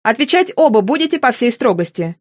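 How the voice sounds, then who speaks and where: A stern, short-tempered teacher barking commands, as a woman acts her out in an audiobook. Her orders come out high and forceful. Dry, close recording. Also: big pitch swings, a little fast, no echo.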